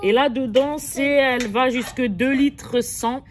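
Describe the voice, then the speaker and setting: A high-voiced woman speaks at an unhurried pace, a vlogger and mother of several kids showing her viewers a casual shopping haul. She talks straight to her audience, rambling along with plenty of fillers and correcting herself as she goes.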